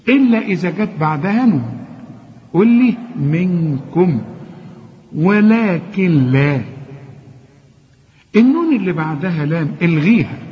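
A man with an Egyptian accent teaches Quran recitation. His voice sits high, and a long reverb trails each word. He corrects a student, drawling verses out slowly as models, on a dull, lo-fi recording. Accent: Egyptian Arabic. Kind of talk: one-on-one recitation lesson.

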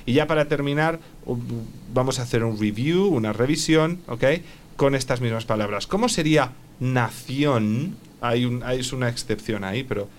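A man's voice: medium pitch, brisk, a little hiss or hum. A man teaching English on the radio, patiently repeating phrases for a learner. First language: Spanish.

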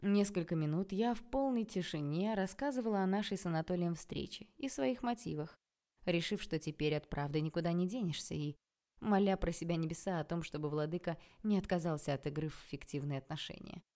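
A woman reading a first-person novel aloud in a wry, expressive way. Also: on the low side, a little fast. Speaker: audiobook narrator.

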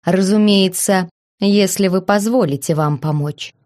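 A woman reading the lines of a calm, gallant young marquis who teases lightly, in an audiobook. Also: mid-range voice, measured pace, close to an everyday voice. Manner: calm, courteous, lightly amused.

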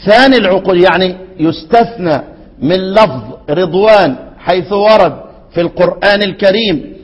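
Husky Egyptian teacher quizzing students. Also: male voice, high-pitched. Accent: Egyptian Arabic. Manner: keeps asking students to fill in words. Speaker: Quran recitation teacher. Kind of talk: explaining a classical text to students. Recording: dull, reverberant hall recording.

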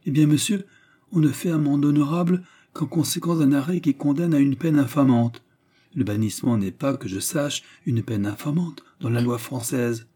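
A man's voice: medium pitch, normal speed, warm tone, breathy edge, voice pushed up, natural voice. A man reading the part of a proud, defiant noblewoman prisoner, speaking with indignant outbursts.

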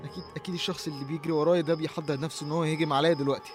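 A frightened young man, lost in dark fields in an audio horror drama, as a man acts him out, talks to himself in panicky, stammering bursts with an Egyptian Arabic accent. His voice sits fairly high and the words tumble out fast. Faint music and chirping crickets play behind him. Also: steady tone, natural voice. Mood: terrified. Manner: panicky, breathless self-talk with stammered restarts.

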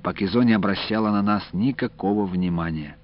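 Low-voiced man narrating a story. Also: a little fast. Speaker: audiobook narrator. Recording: dull, dry lo-fi audiobook recording.

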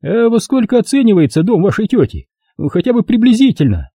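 A fat, greedy, pompous middle-aged notary from an audiobook, as a male reader puts him on, talking down to people in a shrill, squealing voice. The tone is husky and dark under the raised pitch, and the lines leap up and down. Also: big pitch swings, fairly quick, dry recording, clean studio sound, heavily acted. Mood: condescending, greedy. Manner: condescending and grasping.

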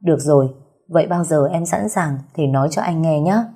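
A woman voicing a calm, reserved young man who speaks evenly. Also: sits low, brisk, slightly rough, soft background music. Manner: calm and even.

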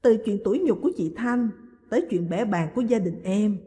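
Steady woman storyteller for audiobook, mid-pitched voice, echoey hall-like sound. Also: a little fast. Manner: calm, steady narration. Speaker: narrator. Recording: long reverberant echo.

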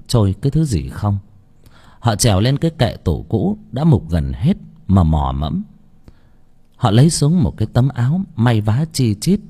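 Husky, dramatic male storyteller. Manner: dramatic, highly expressive delivery. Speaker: audiobook narrator. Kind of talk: scripted storytelling narration.

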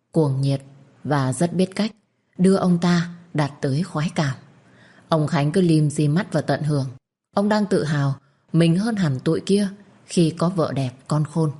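A woman narrating a dramatic story in a steady storytelling manner. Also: low voice, normal speed, slightly rough. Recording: faint background music.

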